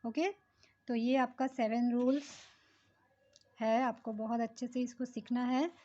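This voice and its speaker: A woman teaching English grammar in a classroom-style lesson. She explains slowly and patiently, mixes Hindi with English terms and often pauses on fillers and "okay". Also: a little high, steady tone, dark tone. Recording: dull lo-fi recording.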